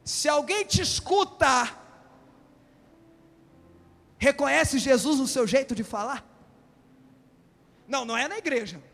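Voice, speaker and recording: A man preaching a sermon as a bishop, impassioned and often shouting in a church hall. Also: extremely high pitch, lively intonation, a little slow, vocal fry, long pauses. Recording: long hall reverb.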